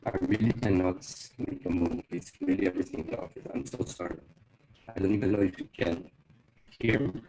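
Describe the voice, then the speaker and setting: A man with a gravelly edge and a voice that swings widely in pitch, talking over a video call. His audio keeps breaking up and fading on a bad connection, and he speaks in a halting, apologetic way. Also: wildly swooping pitch, warm tone, rough recording. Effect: dropping, choppy audio from a bad video-call connection. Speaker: presenter at an online talk.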